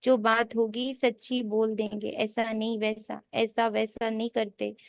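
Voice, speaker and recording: A woman spiritual teacher giving a sermon, slowly repeating key lines for emphasis and mixing in English phrases. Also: fairly high pitch, little pitch movement, creaky, dry recording, clean studio sound. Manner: mixes English phrases into her talk. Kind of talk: sermon explaining a daily scripture reading.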